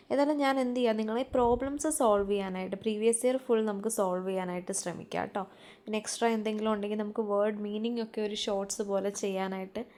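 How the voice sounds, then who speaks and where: A woman's voice: mid-range voice, a little mellow. A woman with a Malayali accent teaching an exam-prep lesson, explaining step by step and often checking in with her listeners.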